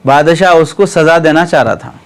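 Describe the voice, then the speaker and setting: Man giving a clear-voiced grammar lecture. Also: fairly high pitch, normal speed. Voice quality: clears throat often. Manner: explanatory, asks students rhetorical questions. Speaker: teacher of Arabic grammar. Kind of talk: classroom lecture.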